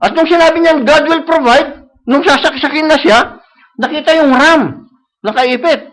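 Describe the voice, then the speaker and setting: A man's voice: extremely high pitch, moderate pace, fairly bright tone, rough recording. A man preaching a sermon, repeating key phrases and asking the congregation for agreement. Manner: mixes English phrases into Tagalog, repeats key phrases. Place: church service.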